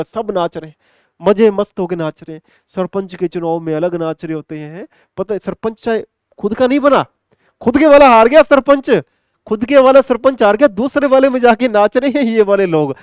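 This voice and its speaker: Man, exam-prep vocabulary lesson, chatty and repetitive, high-pitched, dry close sound. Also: a little mellow, smooth, no echo. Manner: chatty, repetitive, addresses students affectionately. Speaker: English teacher.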